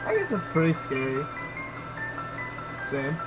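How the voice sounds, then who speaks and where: Young man with very animated intonation. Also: a little high, unhurried, loud music behind the voice. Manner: foul-mouthed, teasing. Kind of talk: casual reaction chat. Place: small dim bedroom.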